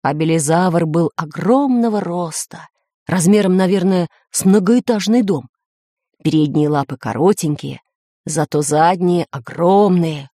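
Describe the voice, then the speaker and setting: A woman narrating a children's storybook in an expressive, animated way. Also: fairly low pitch, unhurried, no echo, studio quality. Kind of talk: storybook reading.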